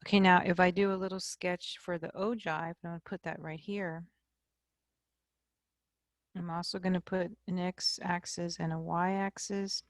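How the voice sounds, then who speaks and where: Slow, lower-voiced woman teaching math. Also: little pitch movement, dry recording, studio quality. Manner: slow, explanatory, frequent "okay?" checks. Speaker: math instructor. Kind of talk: recorded lecture.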